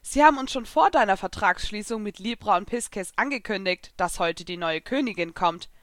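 A woman's voice: medium pitch, animated, moderate pace, dry recording, natural voice. Woman doing male spirit, eager, instructive, storybook, dry close recording. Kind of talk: audiobook fan fiction reading.

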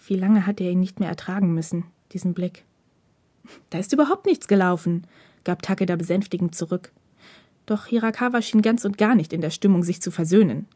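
A woman reading a story aloud in a calm, even narrating voice. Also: lowish voice, a little fast, no room sound.

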